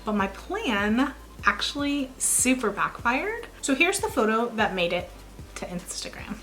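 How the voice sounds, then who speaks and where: A young woman vlogger telling a story in a chatty, animated, self-mocking way. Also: a little high, measured pace, soft background music, low-quality recording. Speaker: YouTube vlogger. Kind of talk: casual storytime vlog.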